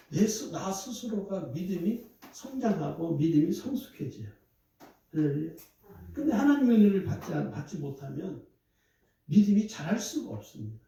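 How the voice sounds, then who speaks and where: A man's voice: high-pitched, mellow. A man preaching a sermon as pastor, telling a church story in a conversational way and rising into emphatic bursts. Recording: very echoey hall, voice from far off.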